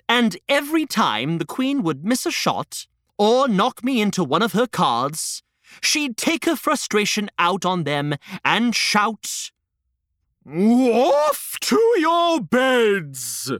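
A man's voice: high voice, very animated, slow pace, sharp tone, no room sound, studio quality, pitched above the performer's own voice, heavily acted. A man doing an eager, chatty hedgehog storyteller. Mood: playful.

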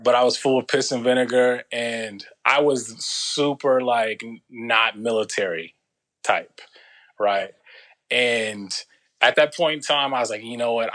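A man, telling his life story as a podcast guest in a relaxed, slangy way. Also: mid-range voice, normal speed. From Los Angeles. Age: 30s. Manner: laid-back storytelling, slangy, many fillers. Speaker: guest, former soldier. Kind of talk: casual interview.

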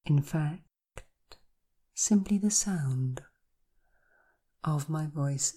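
A woman guiding a hypnosis relaxation, speaking softly in slow, repetitive suggestions and often half-whispering. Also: low voice, husky.

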